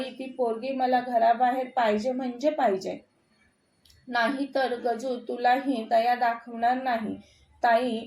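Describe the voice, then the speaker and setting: A woman's voice: on the high side, a little mellow. A woman voicing a hot-tempered middle-aged man who angrily threatens his sister, in an echoey room. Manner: angry and threatening.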